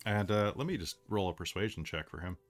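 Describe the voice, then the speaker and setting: A man's voice: on the low side, faint music behind. Playful man running a tabletop game. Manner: quick, playful, with asides. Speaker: game master.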